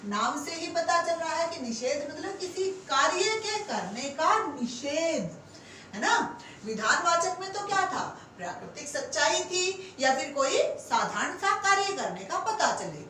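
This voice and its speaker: High, lively Hindi grammar teacher woman. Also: heavy reverb, distant mic, a little hiss or hum, low-quality recording. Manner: asks rhetorical questions and answers them, calls students 'beta'; stretches example sentences slowly word by word. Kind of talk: classroom lecture for exam students.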